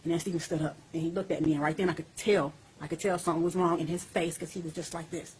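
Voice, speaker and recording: A woman with a fairly low, darkish voice and fairly even intonation speaks at a quick pace in a recorded interview, over a rough recording with a little hiss or hum. Her words are intense, blunt, and laced with profanity, rising in pitch as she grows heated.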